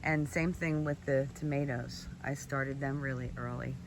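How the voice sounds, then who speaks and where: A gardener strolls through an outdoor garden, slightly out of breath and exclaiming over the plants. The voice sits mid-range and is picked up on a handheld camera, with steady outdoor ambience behind it. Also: mid-range voice, moderate pace, background noise. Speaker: gardener showing her garden. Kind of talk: casual walking garden tour.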